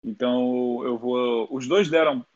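A man's voice: mid-range voice, a little mellow. A Brazilian man co-hosting a casual sports podcast, slangy and tagging points with a questioning aside. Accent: Brazilian Portuguese. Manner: quick, slangy, ends points with 'né?'. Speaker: podcast co-host. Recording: dull lo-fi mic.

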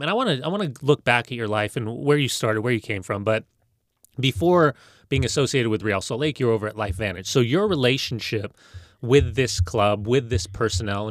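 A man's voice: medium pitch, no room sound, clean studio sound. A middle-aged man hosting a casual interview in a rambling, familiar, anecdotal way. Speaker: interview host.

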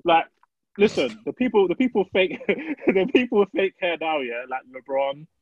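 A man's voice: a little high, very animated, normal speed, dry recording. A man with a London roadman accent, chatting in cheeky, slang-heavy banter on a slightly dull, dry recording. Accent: London roadman, Multicultural London English. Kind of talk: casual banter.

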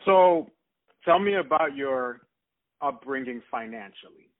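A man interviewing a guest in a relaxed, friendly way, with hesitant fillers. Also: mid-range voice, slow pace. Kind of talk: casual interview. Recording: tinny phone-like call line.

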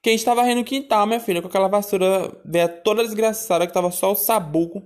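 A woman telling a childhood story in a casual, animated, exclamatory way. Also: mid-range voice, fast talker. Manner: animated, exclamatory, addresses listeners as "minha filha".

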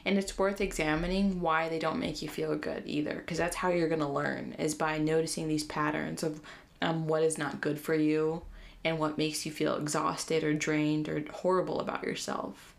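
Young woman, slight lisp, lower-pitched, chatty and earnest, casual solo podcast host. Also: little pitch movement, normal speed, creaky.

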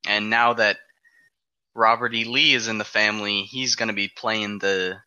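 Man presenter, very bright and forceful tone, dry close sound, laid-back explainer with ums. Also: lowish voice, steady tone, moderate pace, smooth, dry recording, muffled recording. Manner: walks through dates step by step, frequent ums. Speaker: presenter of an alternate history timeline. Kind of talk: casual explanatory podcast talk.

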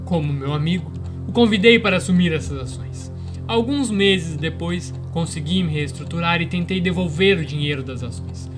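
Man acting a resentful, highish-voiced Brazilian businessman. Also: normal speed, music in the background, close to an everyday voice. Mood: aggrieved. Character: resentful, defensive businessman, a murder suspect. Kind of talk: radio drama acting.

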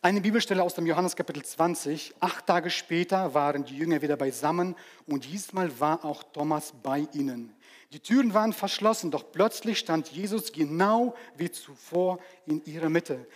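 A man preaching with a high, lifted voice that carries through a church hall with a long echo. He pushes his points loudly, then drops to quiet, dramatic asides. The reading and the retold scenes stay in his own preaching voice. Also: moderate pace. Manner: animated preaching that swings between loud peaks and hushed dramatic asides. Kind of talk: sermon.

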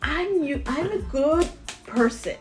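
A woman co-hosting a podcast, telling a rambling story in an animated way and laughing often. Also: high-pitched, slow pace, faint music behind. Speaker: podcast co-host. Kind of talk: casual chat, storytelling.

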